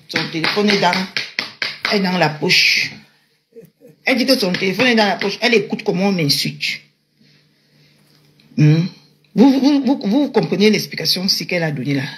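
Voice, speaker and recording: Woman host on a live stream, explains slowly, asks viewers questions. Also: mid-range voice, fairly bright tone. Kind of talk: casual commentary to viewers.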